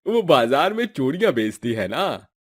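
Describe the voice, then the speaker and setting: A man voicing a kindly elderly male temple priest in a cartoon, speaking gently and in a fatherly way. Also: medium pitch, sing-song, normal speed. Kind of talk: Hindi cartoon voice acting.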